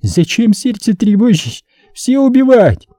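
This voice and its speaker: A furious wounded young avenger. He barks in broken, clipped phrases, raw and hostile. The sound is husky and dry. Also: high voice, big pitch swings, a little slow, no room sound, voice pushed up, exaggerated voice. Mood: snarling, hostile. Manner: shouting in broken speech.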